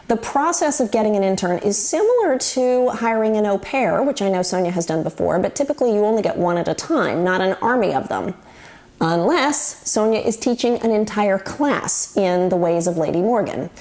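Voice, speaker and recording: A woman's voice: medium pitch, a little mellow. A woman in her forties hosting a show, giving wry, chatty, scripted commentary to the camera. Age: 40s. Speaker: host.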